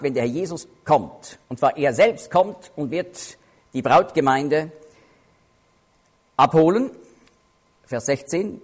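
A man teaching through Bible passages in a sermon style, emphatic and expressive, shifting his pace and loudness to stress points. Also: on the high side, breathy edge.

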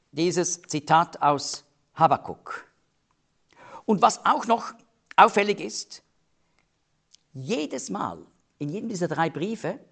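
A man teaching on Bible verses, explaining slowly and deliberately and stressing key words. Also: high voice, vocal fry, fairly bright tone.

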